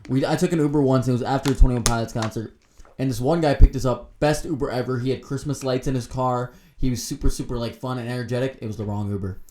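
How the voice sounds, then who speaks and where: A man's voice: medium pitch, fairly even intonation, quick pace, dark tone. A young man co-hosting a casual podcast, telling crude, rambling stories with lots of laughter. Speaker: podcast co-host.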